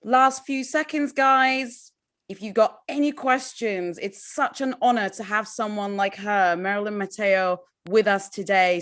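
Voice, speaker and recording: Speaking with a medium-pitched, fairly bright voice, the host of this virtual award ceremony keeps things upbeat and encouraging. She addresses the audience as "guys" over a video call.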